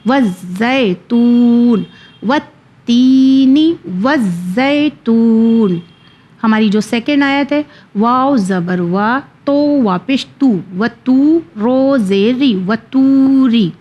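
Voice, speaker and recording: A woman teaching children to read the Quran. She spells out each syllable slowly, then explains quickly. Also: fairly high pitch, a little mellow. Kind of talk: children's Quran reading lesson.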